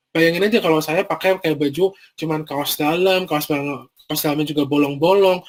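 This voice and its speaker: A young man with a Bandung Indonesian accent gives a casual training talk to a youth group. He explains things step by step, with many fillers. His voice sits a little high for a man.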